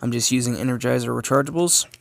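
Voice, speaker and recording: Talking fast in a mid-range, creaky voice, a man gives a casual, unscripted hobbyist review of a gadget while holding his phone camera. He explains each point and answers his own questions as he goes. A little hiss or hum is audible.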